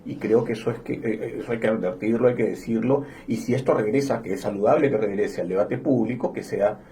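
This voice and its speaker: A man from Honduras speaking as a guest on a discussion podcast, explaining in a measured way with some hesitations. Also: fairly low pitch, mellow, a little hiss or hum. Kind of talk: conversational panel discussion.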